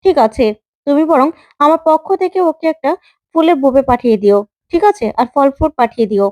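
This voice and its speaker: A sharp-tongued young boss lady, quick to scold and full of herself, as a woman narrator puts her on. Her voice sits high and she speaks indignantly. The sound is close and dry. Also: animated, no echo. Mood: smug.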